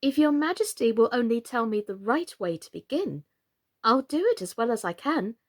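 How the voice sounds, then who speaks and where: A woman's voice: on the high side, animated, moderate pace. A woman voicing a polite, sensible, slightly timid young storybook girl in a civil, earnest way. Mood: helpful, polite.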